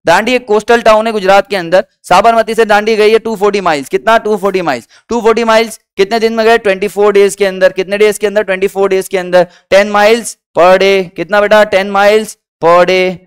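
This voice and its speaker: A man's voice: high voice, fairly even intonation, brisk, few pauses, smooth. A man teaching a history lesson in Hindi-English mix, constantly asking the class questions and having them repeat answers. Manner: quizzes students with repeated questions and calls them beta, acts out short quoted bits. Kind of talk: energetic classroom-style lesson.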